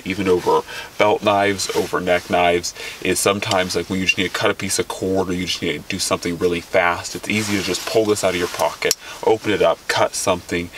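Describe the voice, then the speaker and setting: Young man, very low voice, rambling casual gear talk, recorded from a few feet off, noisy background. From Alaska. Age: young adult. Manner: rambling, self-correcting, enthusiastic about gear. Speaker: outdoors vlogger. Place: back of a vehicle, seated. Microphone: camera a few feet away. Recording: distant mic with clear background noise.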